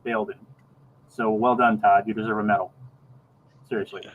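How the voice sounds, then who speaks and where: A man's voice: on the low side, brisk, narrow, tinny audio, slight background noise. A middle-aged man hosting a casual group chat over a video call, rambling with many restarts and dry jokes. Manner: rambling, stumbles and restarts often, wry deadpan jokes.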